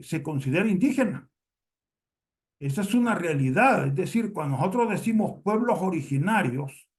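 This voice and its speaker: A man with a fairly high voice comments during a seminar question round. He explains his point slowly and hesitantly, often repeating words before he goes on. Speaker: audience member commenting.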